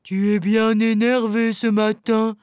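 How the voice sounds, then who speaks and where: A woman voicing a calm, cheerful, carefree female bear who talks in an unhurried, affectionate way, in a storybook reading. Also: fairly high pitch, clear, resonant tone, no room sound, clean studio sound. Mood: easygoing.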